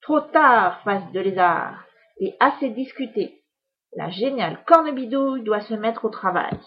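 A woman voicing a grandiose, spiteful female witch in a children's storybook reading, theatrical and loud with insults. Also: on the high side, lively intonation, unhurried, breathy edge, muffled recording, full character voice. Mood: gloating. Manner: theatrical, shouting insults with relish.

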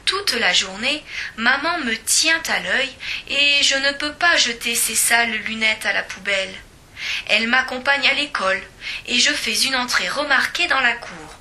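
A woman reading a children's storybook aloud in a lively, expressive way. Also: on the high side, unhurried.

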